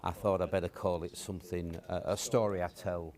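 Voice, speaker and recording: A man, a guest telling stories from his upbringing in a relaxed, hesitant way with many fillers. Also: sits low, fairly quick. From Cottingham, near Hull, England. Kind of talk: casual storytelling interview.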